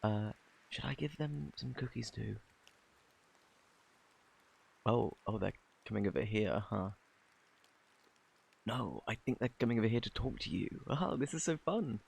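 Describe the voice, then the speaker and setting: A man with a British accent playing a flirty, bashful, kindly Cupid in an intimate ASMR romance roleplay, softly spoken, stammering and flustered. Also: on the low side, lively intonation, vocal fry, husky, exaggerated voice. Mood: awkward, chatty. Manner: flustered, stammering, halting, apologetic.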